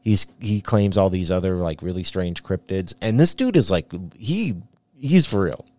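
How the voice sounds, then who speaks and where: A man with a fairly low voice co-hosts a casual podcast, rambling along and restarting his sentences as he goes. He talks into a studio mic while working a mixing board. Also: animated, moderate pace, darkish tone. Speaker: podcast co-host. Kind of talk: casual chat.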